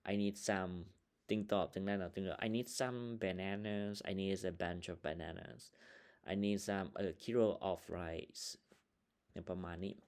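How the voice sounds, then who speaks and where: A male English teacher with a Lao accent, slowly explaining vocabulary and sample answers in a casual online lesson, with plenty of fillers. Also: deep voice, a little mellow. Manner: slow, explaining words one by one with many fillers.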